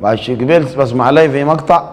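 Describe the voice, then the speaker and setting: A man's voice: medium pitch, racing. Sudanese man preaching in a reverberant hall. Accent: Sudanese Arabic. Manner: conversational preaching with quoted dialogue. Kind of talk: sermon.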